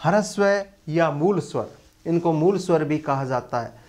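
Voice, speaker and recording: A male Hindi grammar teacher giving an online lecture, speaking deliberately and filling his pauses with long drawn-out "a" sounds. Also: on the high side, lively intonation, darkish tone. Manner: slow, deliberate, with many drawn-out "a" fillers.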